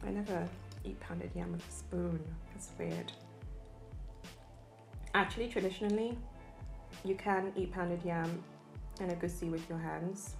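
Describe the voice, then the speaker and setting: Soft music plays in an echoey room as a young woman from Nigeria eats and chats on her mukbang. Her voice is lowish and creaky, fairly even in intonation and a bit slow, with long pauses. She's chatty, eating between lines and saying um often.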